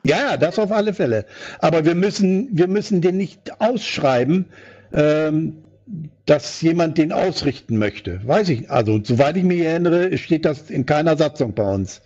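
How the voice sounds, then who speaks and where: A man on a party board talks through his ideas at length, circling back with fillers and half-finished thoughts. His voice is mellow and soft-edged, and the recording is dull and lo-fi. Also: fairly high pitch, expressive, moderate pace. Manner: rambling, thinks aloud with fillers. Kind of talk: meeting discussion. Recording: dull lo-fi sound.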